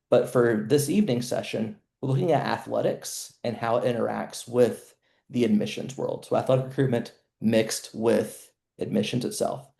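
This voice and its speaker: A man hosting a webinar panel as an educational consultant, explaining things in a measured way over a video call. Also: medium pitch, gravelly, dark tone, reverberant. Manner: measured, explanatory, some restarts.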